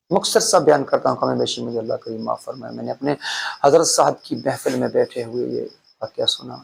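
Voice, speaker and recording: A man's voice: mid-range voice, vocal fry, slightly rough. A man telling a devotional story as a preacher, his delivery fervent and building to emotional peaks. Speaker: preacher, channel host.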